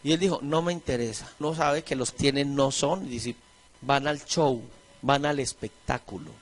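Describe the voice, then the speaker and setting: A middle-aged man with a Colombian accent preaching a sermon as pastor, animated, acting out the voices of churchgoers and disciples. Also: mid-range voice, normal speed. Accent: Colombian Spanish.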